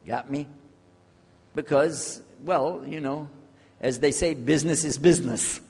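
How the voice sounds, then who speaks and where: A man's voice: fairly high pitch, a little slow, a little mellow, slightly rough. A man giving a casual, joking lecture to a live audience, checking in with them as he talks. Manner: jokey, chatty, checks in with the audience. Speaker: speaker on Islamic outreach. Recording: long hall reverb.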